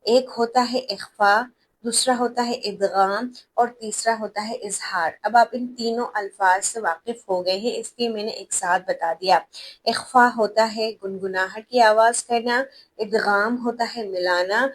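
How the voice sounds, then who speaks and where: A woman teaching an online recitation class, who explains step by step, spells out letters slowly and checks that students follow. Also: mid-range voice, a little hiss or hum, poor audio. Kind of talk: online tajweed lesson.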